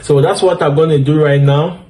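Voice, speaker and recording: His voice sits high yet has a dark tone, steady and at normal speed. He's a French-accented DevOps instructor, French his native tongue, narrating a screen-share walkthrough step by step, full of fillers and self-corrections.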